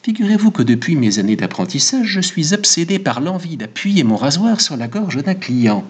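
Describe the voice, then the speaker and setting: A man's voice: on the high side, sing-song, moderate pace, husky, pitched above the performer's own voice. A man voicing a jittery, obsessive village barber. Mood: eager. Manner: eager, stammering, pleading.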